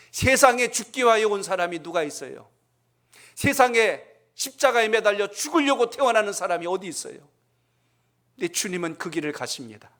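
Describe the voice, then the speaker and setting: A man's voice: high voice, a bit bright. A male pastor preaching a sermon, telling a story and speaking with emphasis.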